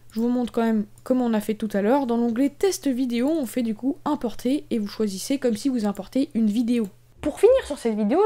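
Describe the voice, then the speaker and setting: A woman's voice: high voice, mellow. A young woman walking viewers step by step through a video-editing tutorial, casual with frequent fillers. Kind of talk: screen-recorded software tutorial.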